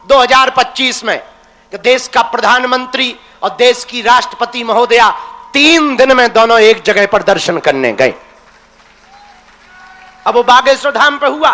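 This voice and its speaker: High bright-voiced preacher man. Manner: teasing, folksy, addresses listeners as "my crazy ones". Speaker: religious preacher. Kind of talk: devotional sermon to a crowd. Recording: long hall reverb.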